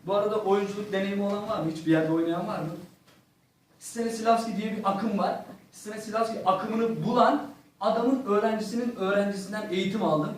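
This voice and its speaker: A man's voice: high voice, fairly even intonation, a little fast, slight background noise. A young man doing stand-up, telling crude stories and acting out the voices of the people in them. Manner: acts out the voices in his stories, crude punchlines. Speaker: stand-up comedian. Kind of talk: stand-up storytelling. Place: comedy stage in front of an audience. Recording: echoey hall, heard from a distance.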